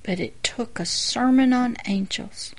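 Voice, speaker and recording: A woman pastor giving a sermon-style personal testimony, telling the story in a reflective way with quiet asides. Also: a little high, unhurried.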